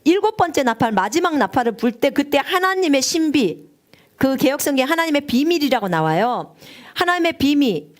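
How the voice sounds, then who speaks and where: High, lively woman preacher. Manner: emotional storytelling, voice rising and breaking into tears. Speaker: missionary preacher. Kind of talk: live-streamed sermon testimony.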